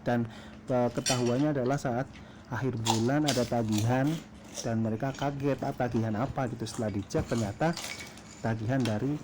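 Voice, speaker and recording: A man tells a story casually to camera, halting and hesitant as he goes. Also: medium pitch, steady tone, background noise. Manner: hesitant, halting delivery with throat-clearing. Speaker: food vlogger telling a story.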